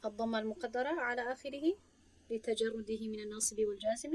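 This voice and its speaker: A woman's voice: on the high side, fairly even intonation, dry recording, low-quality recording. A woman teaching an Arabic grammar lesson in Persian as her first language, explaining step by step, asking students questions and praising their answers.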